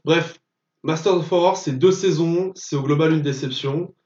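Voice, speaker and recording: A man's voice: on the high side, moderate pace, darkish tone. A man co-hosting a casual film podcast, blunt and opinionated. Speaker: podcast co-host. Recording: echoey room, distant dull mic.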